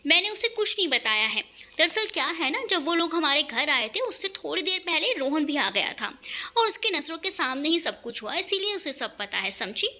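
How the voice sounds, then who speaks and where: A woman's voice: high voice, sharp tone, full character voice. A woman voicing an affectionate young woman who coaxes and comforts her upset best friend in a romantic audio story. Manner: coaxing, affectionate pleading.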